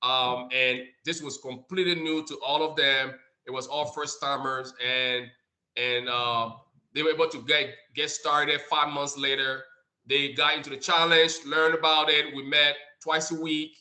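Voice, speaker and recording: A man's voice: on the high side, level tone, a little slow, pushed and bright. A man from Liberia, a nonprofit co-founder and director, speaking on an online community call, often repeating words as he searches for them. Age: adult. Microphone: video call.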